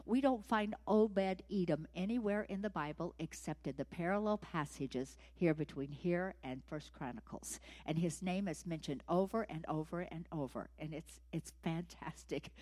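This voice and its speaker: Woman preacher telling a bible story, lively, lots of echo in a big church. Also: on the low side, normal speed. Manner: animated storytelling, acting out scenes. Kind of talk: sermon.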